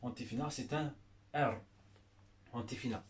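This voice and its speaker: A man's voice: mid-range voice, normal speed. A man giving a language lesson, patiently naming and repeating each letter's sound. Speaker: teacher. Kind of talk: slow spoken language lesson.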